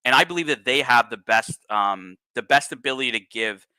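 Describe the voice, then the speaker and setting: A male host talks casually and bluntly on a livestream, cursing freely and breaking into animated asides. His voice has a bright, forceful edge. The sound is dry and close, with little room echo. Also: medium pitch, fairly quick, smooth.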